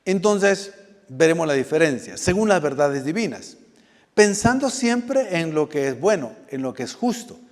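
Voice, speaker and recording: A man's voice: fairly high pitch, big pitch swings, moderate pace. A man preaching a sermon as pastor, speaking spontaneously with restarts and sudden bursts of emphasis. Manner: spontaneous, with repeated restarts and emphatic swings in loudness. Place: church sanctuary. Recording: church hall with long reverb.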